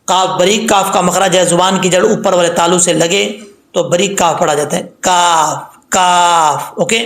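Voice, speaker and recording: A man with a high voice gives a tajweed lesson in a roomy, echoing space. He explains each letter sound in plain talk, then chants the verse slowly with long, drawn-out vowels, dropping in short checks like "okay" between points. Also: vocal fry, fairly bright tone. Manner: says "ok" and "theek hai" between points. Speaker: Quran recitation teacher.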